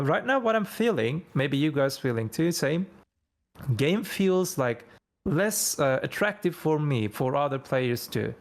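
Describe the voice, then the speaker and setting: Male gamer panelist, foreign-accented non-native English, slightly higher voice, emphatic and repetitive delivery. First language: not English. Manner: emphatic, repeats points for stress. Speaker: veteran gamer on a discussion panel. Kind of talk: unscripted opinion in a group call.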